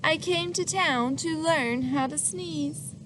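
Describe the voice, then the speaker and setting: Reading a picture book to children, this woman speaks slowly in a high, lively voice. She poses questions to her listeners and performs the sneezes with animation. There's a noticeable background hiss.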